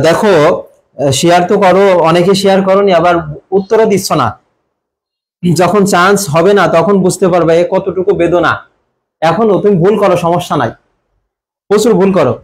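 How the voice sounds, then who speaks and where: This live online exam-prep class is taught by a young man whose voice sits high and who speaks with a Bangladeshi Bengali accent. As an admission coaching teacher, he quizzes students with repeated questions, answers them himself, and names the commenters aloud.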